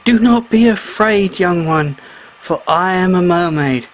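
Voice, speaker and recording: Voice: expressive, a little slow, close to an everyday voice, low-quality recording. A storyteller voicing a young, kind and brave mermaid in a homemade shadow puppet tale. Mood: solemn. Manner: high, crying out for help.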